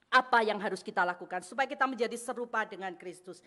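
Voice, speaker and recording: A middle-aged woman from Indonesia preaching a sermon, telling a lively personal story and calling out often to the congregation. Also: medium pitch, fast. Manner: animated storytelling, addresses congregation as Saudara.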